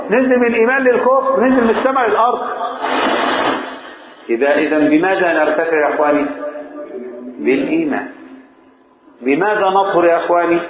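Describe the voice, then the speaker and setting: A man with an Egyptian accent teaching a religious lesson. He asks his listeners questions and repeats phrases slowly. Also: sits high. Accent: Egyptian Arabic. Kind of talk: mosque Quran lesson. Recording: echoey hall over a tinny lo-fi line.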